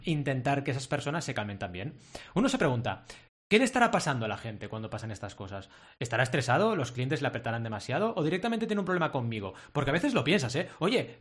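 A man hosting a podcast from Spain, chatting casually and telling anecdotes in an animated way. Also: mid-range voice. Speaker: podcast host. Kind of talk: casual podcast monologue and chat.

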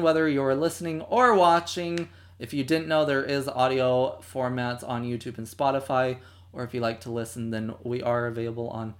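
A man hosting a podcast and wrapping up the episode in a relaxed, chatty way with lots of fillers and laughs. He says he is losing his voice. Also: mid-range voice. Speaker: podcast host. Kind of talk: casual podcast chat and outro.

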